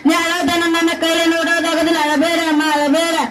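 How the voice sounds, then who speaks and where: A man's voice: very high-pitched, fast talker. A young performer in a school play, voicing a defiant young revolutionary who consoles his mother with impassioned speeches. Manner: declamatory, impassioned, flat singsong delivery. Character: defiant young male revolutionary facing execution. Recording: echoey hall with a crowd behind.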